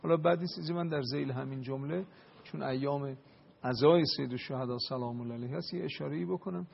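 A man giving an impassioned religious talk and prayer, building up to loud emphasis at times. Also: mid-range voice, vocal fry, breathy edge. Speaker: religious speaker. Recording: dull lo-fi radio broadcast.

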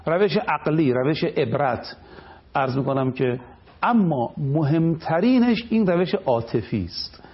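A man's voice: fairly high pitch, animated, slightly rough, muffled recording. A man speaking as a cleric on a television program, delivering an emphatic religious lecture. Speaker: cleric guest.

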